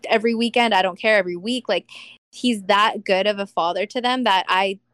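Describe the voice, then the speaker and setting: A woman's voice: medium pitch, brisk, fairly bright tone, dry recording, studio quality. Chatty mother, heartfelt and rambling. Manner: chatty, heartfelt, lots of fillers. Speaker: guest. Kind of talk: casual chat.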